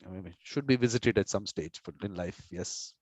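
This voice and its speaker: A man's voice: low voice, brisk, dry recording, poor audio. A man hosting an informal conversation over a video call, talkative and repeating words as he plans aloud. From India. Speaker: host and mediator.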